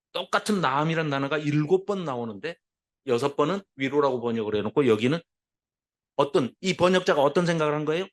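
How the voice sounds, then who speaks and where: A man lecturing a Bible class, lively and full of rhetorical questions put to his listeners. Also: a little high.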